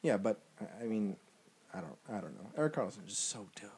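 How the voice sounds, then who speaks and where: A man's voice: fairly low pitch, animated, fairly quick, darkish tone, breathy edge. A man co-hosting a casual podcast, rambling loosely and losing track of names as he talks. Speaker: podcast co-host. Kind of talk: casual sports chat.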